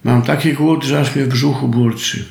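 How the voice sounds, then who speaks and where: Hungry grumbling wolf, Silesian, gravelly, echoey room; voiced by a man. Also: medium pitch, steady tone, moderate pace, darkish tone, close to an everyday voice. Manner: grumbling, greedy. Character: greedy hungry male wolf.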